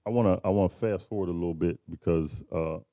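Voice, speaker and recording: Deep-voiced male podcast host asking questions. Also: fast talker, dark tone. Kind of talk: interview questions.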